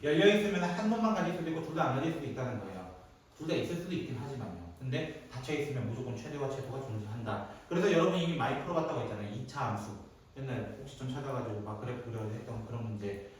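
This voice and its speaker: A man's voice: medium pitch, animated, racing. A man teaching a math class, reviewing step by step and answering his own questions. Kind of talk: classroom lecture. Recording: echoey classroom from far off, faint noise.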